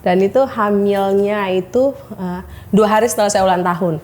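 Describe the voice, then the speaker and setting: A woman in her thirties, appearing as an interview guest, recounts a difficult chapter of her life at a moderate pace, her mid-range voice darkish. Hesitant and full of fillers, she reenacts what the doctors told her while giving this emotional testimony.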